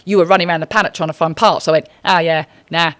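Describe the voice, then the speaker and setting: A woman's voice: fairly low pitch, fairly even intonation, racing, fairly bright tone, no room sound. A British woman chatting casually as a podcast guest, swearing freely, poking fun at herself and acting out what people said. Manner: sweary, self-mocking, acts out quoted speech. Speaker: interview guest, racing team member. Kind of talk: casual podcast anecdote telling.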